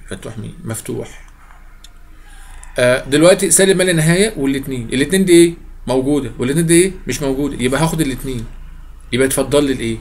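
Egyptian guy teaching math super fast, jokey, quizzes then answers himself. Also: a little high. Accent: Egyptian Arabic. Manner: rapid, playful, asks and answers his own questions. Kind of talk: recorded math lesson.

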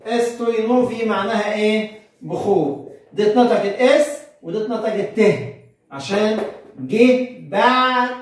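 A monk priest with an Egyptian accent teaching a beginner language lesson. He asks his class questions, answers them himself, and spells words out slowly, syllable by syllable. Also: high-pitched. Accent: Egyptian Arabic. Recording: very echoey room, far from the mic.

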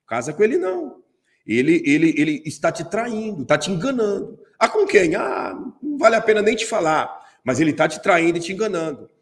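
A man's voice: high-pitched, very animated, a little fast, big-room sound. A man doing a scheming, coaxing female friend. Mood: gossiping. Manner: coaxing, insistent.

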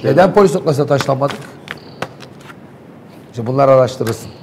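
A man's voice: mid-range voice, expressive, moderate pace, noisy background. A man in a local TV studio, animatedly and indignantly recounting events in heated talk.

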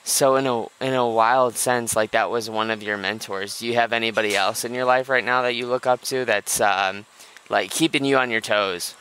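A man's voice: medium pitch, fairly even intonation, normal speed, pushed and bright, clean tone. A young man hosting a podcast, asking questions in a friendly, casual way with fillers. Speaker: podcast host. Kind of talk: casual interviewing.

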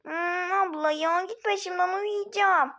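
A woman voicing a small, sleepy kindergarten girl who answers her older sister with whiny, drawn-out complaints in a homemade mini-series. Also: very high voice, fairly even intonation, pushed and bright, exaggerated voice.

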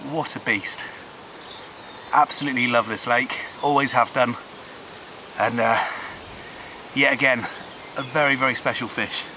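This fishing vlogger talks informally to his camera from a wooded lake bank, his mid-range voice even in tone. He speaks a little slowly and pauses often, while outdoor nature noise fills the background.

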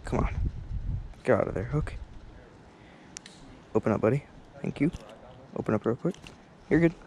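A young man chatting excitedly while fishing on a rocky riverbank, talking to each fish as he unhooks it, recorded on a head-mounted camera outdoors. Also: medium pitch, normal speed, a little hiss or hum. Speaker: fishing vlogger. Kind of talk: casual fishing vlog commentary. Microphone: head-mounted action camera.

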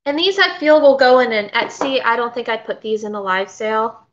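A middle-aged Florida woman, a vintage seller, hosts a casual live haul stream from her home kitchen, rambling and reading viewer comments aloud. Her voice sits on the high side and sounds brisk and a little bright. The webcam on her desk gives slightly dull, lo-fi audio.

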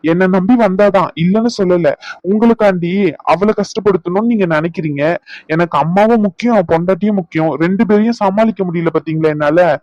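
A young cartoon husband, voiced by a man, firm and insistent yet affectionate. His voice sits high for a man, and the recording is dry and a little dull. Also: brisk, darkish tone, no room sound, close to an everyday voice.

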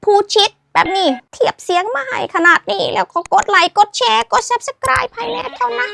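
A woman's voice: very high-pitched, vocal fry, a bit bright. A woman teaching a playful language lesson, teasing and mixing in English phrases. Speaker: language tips host.

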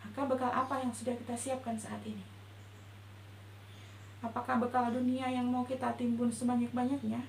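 A woman with a high voice gives a gentle, measured religious talk in a roomy indoor space. A faint hum sits under her voice, and the sound has some echo. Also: flat delivery, creaky. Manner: gentle, reflective, measured delivery. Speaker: religious teacher. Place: indoor room before a patterned cloth backdrop.

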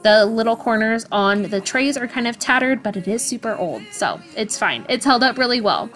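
A woman's voice: on the high side, lively intonation, moderate pace, a bit bright. A young woman narrating her home-cleaning vlog in a voice-over, in an upbeat, chatty way. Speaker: cleaning vlogger. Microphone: voice-over, recorded separately. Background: faint background music.

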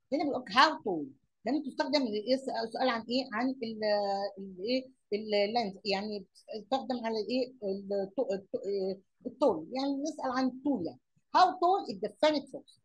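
A woman's voice: a little high, fast talker, husky, poor audio. A young woman with an Egyptian accent teaching English grammar to children, explaining in Arabic and asking and answering her own questions. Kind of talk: classroom lesson explanation.

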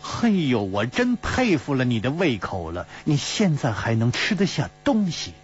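A man's voice: medium pitch, huge pitch swings, moderate pace, pitched above the performer's own voice. A man voicing a teasing young woman. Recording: slightly dull recording with faint hum.

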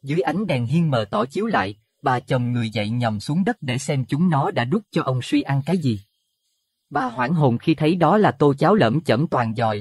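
A man narrating a Buddhist horror audio story in an expressive, dramatic way. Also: mid-range voice, husky, dry recording, clean studio sound. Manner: expressive, rising to alarm at scary moments.

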